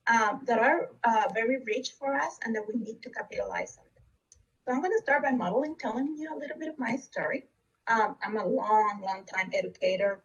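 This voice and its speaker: Husky-voiced woman presenting. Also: fairly high pitch, a bit bright, far from the mic, poor audio. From Costa Rica. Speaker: district education leader. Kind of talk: recorded webinar presentation.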